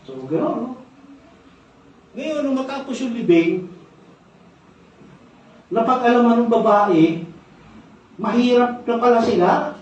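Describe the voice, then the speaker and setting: High-voiced pastor in an echoey church. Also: male voice, slow pace, long pauses, darkish tone. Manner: ends phrases with a questioning "no?"; storytelling, repeats key phrases. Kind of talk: sermon. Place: church sanctuary, indoors. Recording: very echoey hall, distant dull mic.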